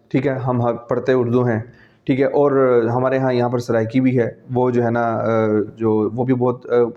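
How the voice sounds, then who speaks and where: A male teacher with a Pakistani accent delivers a classroom-style lecture in a relaxed, warm tone, explaining step by step and often checking that his students follow along. His voice sits at an ordinary pitch. The recording sounds a little dull and lo-fi. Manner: conversational, explains patiently, often checks understanding.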